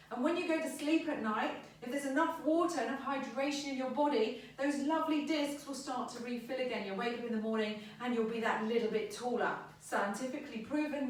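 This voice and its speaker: A chatty woman with a high voice gives emphatic health advice, repeating her points. She is heard from a distance in a very echoey room. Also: moderate pace, few pauses. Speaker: back pain therapist. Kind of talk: informal health talk to camera.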